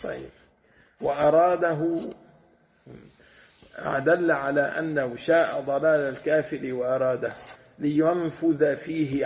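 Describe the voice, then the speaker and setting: Gravelly sheikh teaching. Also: male voice, mid-range voice. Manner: explains patiently, repeats and sounds out words slowly. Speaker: sheikh teaching Quran commentary. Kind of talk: religious lesson. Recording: dull lo-fi lecture recording.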